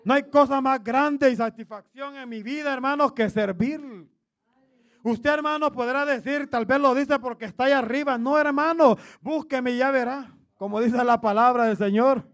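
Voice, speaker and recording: A man preaching a sermon in a loud, booming voice, calling his listeners "hermano" after nearly every phrase. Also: normal speed.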